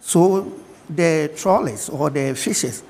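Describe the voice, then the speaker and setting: A middle-aged man with a Ghanaian accent, a guest from the fishing industry in a TV studio interview, speaking in a measured way and repeating his key points. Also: fairly high pitch, a little mellow, in a large hall.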